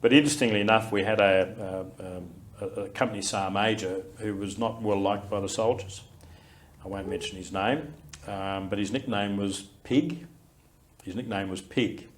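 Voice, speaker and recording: A man's voice: lowish voice, steady tone, moderate pace. An Australian man in his sixties, a war veteran recalling his service in an oral history interview, reflective and full of fillers and restarts.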